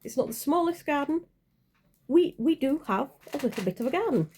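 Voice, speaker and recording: A woman's voice: sits high, animated, a little fast, mellow, a little hiss or hum. A woman in her forties chatting casually in a vlog, rambling and hesitant, with many fillers and self-corrections. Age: 40s. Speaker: channel creator.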